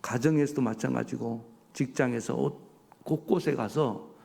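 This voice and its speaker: A male pastor delivering a sermon, animated and full of rhetorical questions to his congregation. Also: mid-range voice, moderate pace, gravelly. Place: church sanctuary. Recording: church hall reverb.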